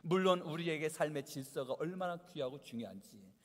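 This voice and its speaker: Animated preaching man. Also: fairly high pitch, fairly quick. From Chungcheong, South Korea. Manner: animated preaching with rhetorical questions. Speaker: pastor. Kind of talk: Sunday sermon. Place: church sanctuary. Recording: long church hall reverb.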